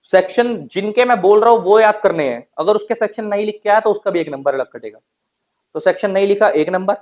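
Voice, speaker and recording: A man's voice: sits high, a little fast, a little mellow, lo-fi sound. A man teaching law in a classroom lecture, mixing with English terms and asking questions that he answers himself. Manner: chatty, asks students questions and answers them himself; mixes Hindi with English terms.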